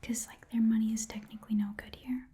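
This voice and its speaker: In a soft, breathy whispered ASMR roleplay, a woman plays an easygoing goblin pawn shopkeeper who haggles in a casual, rambling way. Her voice sits a little high with little pitch movement, moves fast, and stays close to an everyday voice.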